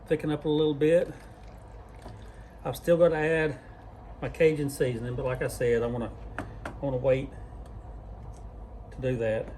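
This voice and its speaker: A man's voice: fairly high pitch, darkish tone, slight background noise. A man hosting a casual cooking vlog in a barn workshop, talking in a folksy, rambling, self-deprecating way. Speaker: cooking channel host. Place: barn workshop where deer are cleaned.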